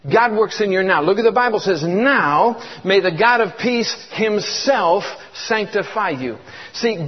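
A man's voice: high voice, husky. A man in his fifties preaching a sermon as a guest preacher, fervent, repeating words and calling for congregation responses. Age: 50s. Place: church. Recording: echoey hall, dull lo-fi sound.

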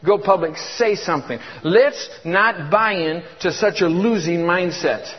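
Fervent high-voiced preacher man in his 50s. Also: a little slow, breathy edge. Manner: fervent, repeats words, calls for congregation responses. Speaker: guest preacher. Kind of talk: sermon. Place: church. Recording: echoey hall, dull lo-fi sound.

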